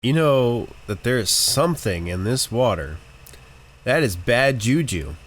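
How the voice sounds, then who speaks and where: A man running a tabletop game as game master, narrating and ruling on rolls in a relaxed, joking way. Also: mid-range voice, measured pace.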